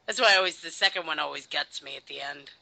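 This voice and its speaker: A man's voice: fairly high pitch, quick pace, gravelly, pushed and bright, rough recording. A man chatting casually on a podcast while watching a film, joking and quoting characters in mock voices. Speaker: podcast co-host. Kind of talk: casual movie commentary chat.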